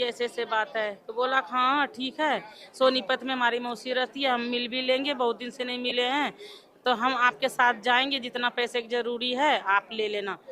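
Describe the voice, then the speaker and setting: Woman devotee, high and bright voice, recounts a personal testimony and acts out the dialogue she remembers.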